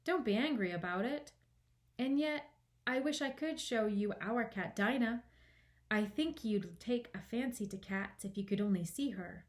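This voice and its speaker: A woman's voice: fairly high pitch, animated, unhurried. A woman voicing an eager, polite young girl who chatters earnestly and apologises readily, in a children's storybook reading. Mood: soothing, fond.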